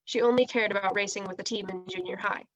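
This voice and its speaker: A woman reads a children's novel aloud in a steady, expressive storytelling voice. Her pitch sits in an ordinary middle range. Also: quick pace, slight background noise, poor audio. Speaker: reader.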